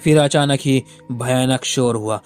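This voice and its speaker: A man narrating a horror story in a steady, scripted storytelling manner. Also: medium pitch, measured pace, faint music behind.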